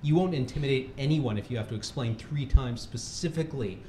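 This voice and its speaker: With mock-serious authority, a man reads a comic how-to article aloud for a charity livestream, often breaking into laughter. His voice is average male pitch, dark in tone and fairly quick. Faint noise sits behind him in an echoey room.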